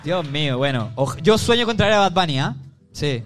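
A man's voice: a little high, big pitch swings, normal speed, soft background music. A man co-hosting a live podcast show in front of an audience, teasing and reading notes from the crowd. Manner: playful, teasing, reads audience notes aloud. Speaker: podcast co-host.

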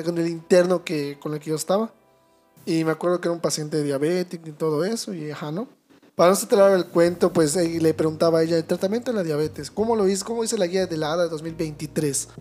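A man with a Mexican accent, chatting as a podcast guest and telling his story in an animated way. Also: fairly high pitch. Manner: animated storyteller, acting out quoted shouting. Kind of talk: casual chat.

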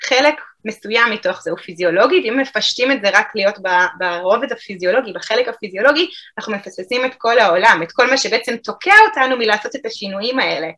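A woman calmly explaining emotional eating to an interviewer, in a reflective, explanatory way. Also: medium pitch, hardly any pauses. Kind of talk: podcast interview answers.

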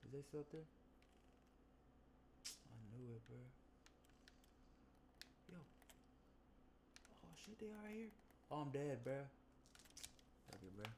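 Excitable man joking through a game. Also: on the high side, takes it slowly, pauses often, noisy background. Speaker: gamer. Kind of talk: casual gaming banter.

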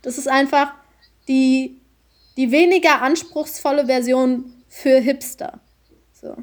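Teenage girl, high pitch, lively casual storyteller from Germany. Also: slow. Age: teens. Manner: animated storytelling, acts out voices in anecdotes. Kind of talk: casual chat.

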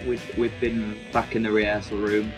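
A man's voice: on the low side, completely flat delivery, moderate pace, over music, low-quality recording. A man from a band talking through old gigs in a casual chat, steadily leading the story. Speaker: band member and co-host.

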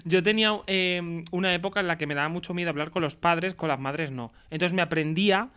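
Young Spanish male host, camp and animated, high, bright tone. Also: a little fast, smooth. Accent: Spanish from Spain. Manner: playful, camp and expressive, acting out scenes. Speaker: podcast host. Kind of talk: casual chat recapping a TV episode.

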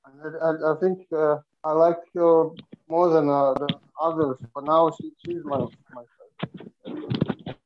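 Halting speaker, slightly muffled sound. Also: mid-range voice, fairly even intonation, slight background noise. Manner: halting, searching for words. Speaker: discussion panelist. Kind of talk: casual chat. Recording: slightly dull, muffled online call.

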